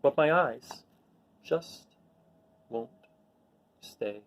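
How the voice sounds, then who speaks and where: A man reads picture books aloud to children extremely slowly, his voice in the mid range. He brings out the sound words with plenty of expression and pauses for simple, casual talk aimed at his young listeners.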